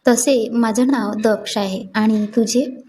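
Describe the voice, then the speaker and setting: A woman's voice: a little high, steady tone, slow pace, dark tone. Woman voicing a cheeky young office guy. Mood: teasing. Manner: teasing, playful banter. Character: cheeky talkative young man, office newcomer.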